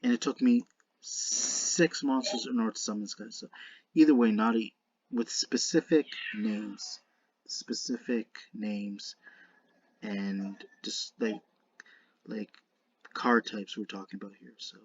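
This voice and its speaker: Lisping man in halting, earnest gamer commentary. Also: fairly low pitch, fairly even intonation, darkish tone, slightly rough, highs cut off. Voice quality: lisp with slushy s sounds. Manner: halting, repeats and restarts words, earnest. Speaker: video creator narrating a card game duel. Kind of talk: unscripted casual commentary to viewers.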